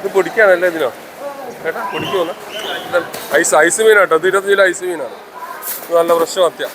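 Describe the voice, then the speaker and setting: High-voiced Kozhikode man vlogging over outdoor noise. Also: a little fast. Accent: Kozhikode Malayalam. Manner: repetitive, calls out to workers. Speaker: vlogger at a fishing harbour. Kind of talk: casual running commentary for a video. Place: busy outdoor fishing harbour. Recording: noisy outdoor recording with vehicles. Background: harbour and vehicle noise.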